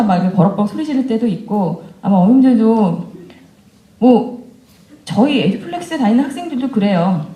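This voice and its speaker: A woman in her forties gives a talk to a room of mothers. Her voice is somewhat high yet warm and mellow, and she speaks candidly, often putting questions to the listeners. The room around her rings with a noticeable echo. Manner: candid, conversational, asks the audience questions. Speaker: education speaker addressing mothers. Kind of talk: lecture to parents. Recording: roomy echo of a lecture hall.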